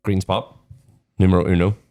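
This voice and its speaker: A man's voice: low-pitched, flat delivery, moderate pace, mellow, clean tone. A young man co-hosting a podcast, chatting casually and laughing often as he jokes. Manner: joking, laughs often in banter. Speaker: podcast co-host. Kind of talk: casual chat.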